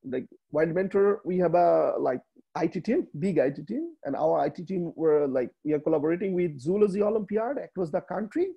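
On a video call, a Bengali-speaking man in his thirties from Bangladesh gives a slide presentation as a webinar speaker, his Bangladeshi accent clear. He stumbles along with frequent fillers and restarts from a small room. His fairly high-pitched voice carries vocal fry and a breathy edge, and the sound is lo-fi.

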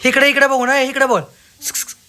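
एक माणूस कुटुंबाचा व्हिडिओ करताना गप्पा मारतो आणि मुलीला खोटं बोलते म्हणून गंमतीने चिडवतो, Marathi लहेजा. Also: male voice, very high-pitched, completely flat delivery, fast talker, pushed and bright. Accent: Marathi. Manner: teasing, playfully accusing. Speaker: father filming a family video. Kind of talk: casual family banter.

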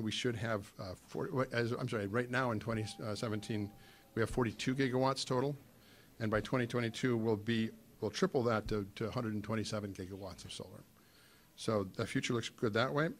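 Middle-aged male panelist, lowish pitch, podium mic, filler-heavy delivery. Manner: halting, many fillers and restarts. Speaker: trade association panelist. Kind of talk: conference panel talk. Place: meeting room, indoors.

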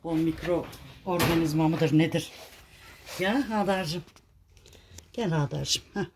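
A woman's voice: sits low, slow pace, slight background noise. A woman caring for a street cat at home and talking to it in fond, chiding baby talk, repeating its name, with a cat purring nearby. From Turkey. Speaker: street cat rescuer and vlogger.

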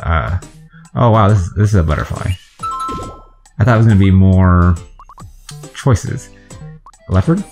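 A man with a deep, low voice gives chatty let's-play commentary, talking to himself as he guesses his way through a video game. Faint game music runs underneath his talk. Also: darkish tone. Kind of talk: gameplay commentary.

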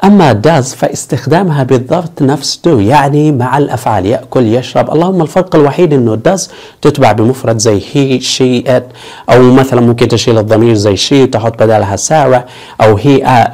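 A man's voice: mid-range voice, fairly quick, a little mellow. Upbeat man teaching English. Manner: explains step by step, switching between Arabic and English; upbeat, repeats a catchphrase. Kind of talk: online language lesson.

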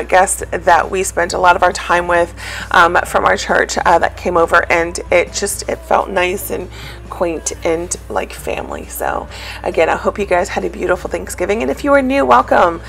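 A woman's voice: fairly low pitch, vocal fry, fairly bright tone. A woman talking casually in a voice-over for her cleaning vlog, rambling with many fillers. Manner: chatty, rambling with many ums. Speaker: cleaning vlogger.

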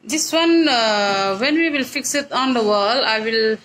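A woman's voice: a little high, a little slow, a bit bright, a little hiss or hum, poor audio. A woman filming a casual home unboxing vlog indoors on a phone, hesitant and searching for words. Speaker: vlogger filming the assembly. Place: indoor living room at home.

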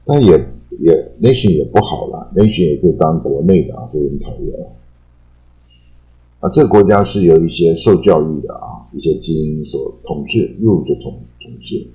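A man teaching English vocabulary in a casual lesson, with a Taiwanese Mandarin accent, explaining words and padding his sentences with drawn-out fillers and repetition. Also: a bass voice, animated, mellow, rough recording.

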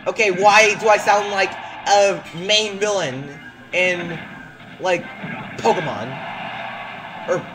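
A gameplay commentator excitedly cheering on a computer-controlled fighter, with frequent hyped outbursts. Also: mid-range voice, takes it slowly, pauses often. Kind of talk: excited let's-play commentary. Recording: game music loud behind voice. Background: game music.

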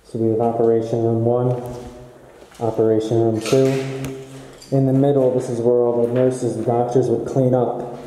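A man's voice: medium pitch, flat delivery, moderate pace, mellow, a little hiss or hum. A young man exploring an abandoned hospital, giving casual, awed, speculative commentary as he walks through with a camera while wearing a respirator mask. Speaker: urban explorer. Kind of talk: casual guided walkthrough. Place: large abandoned hospital, indoors. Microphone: camera-mounted mic, wearing a respirator mask. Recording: echoey empty halls.

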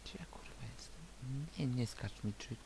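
A man's voice: mid-range voice, normal speed, gravelly, whispered. A man chatting casually with plenty of swearing as he plays a video game. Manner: crude, swearing. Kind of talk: casual gaming chat. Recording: hissy, noisy voice chat.

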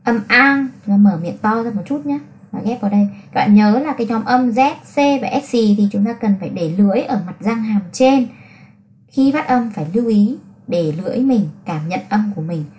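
A woman teaching pronunciation, drilling syllables one by one and explaining clearly. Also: fairly high pitch, lively intonation, darkish tone. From Vietnam. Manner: slow, deliberate syllable-by-syllable enunciation.

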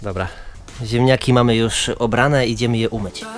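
A man's voice: medium pitch, moderate pace, music in the background. A man vlogging at a campsite, explaining each step to his viewers in a casual, chatty way. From Poland. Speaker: vlogger and father. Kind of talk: casual how-to vlog narration. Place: outdoors at a campsite beside a caravan.

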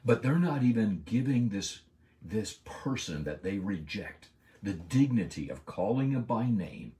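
A man giving a Bible lesson as a sermon, preaching emphatically and slowing down hard on key words. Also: lowish voice, sing-song, warm tone. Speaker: Bible teacher. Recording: voice a bit far from the mic.

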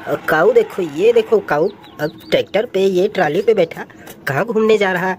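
A woman's voice: medium pitch, normal speed, a little mellow, a little hiss or hum. A woman narrating a toy play video for children, exclaiming and sing-song, full of "wow" and "oh no".

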